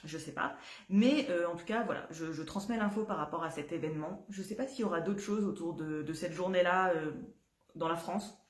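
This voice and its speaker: A woman's voice: on the low side, brisk. A woman hosting a knitting podcast, talking casually to the viewer with many fillers and small laughs. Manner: chatty, many fillers and restarts, laughs easily. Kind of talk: casual chat to camera. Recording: roomy echo.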